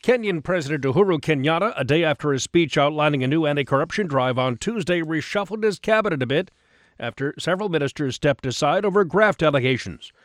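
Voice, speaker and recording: A man's voice: a little high, expressive, fast, no room sound, studio quality. A man reading a scripted radio news bulletin as the anchor.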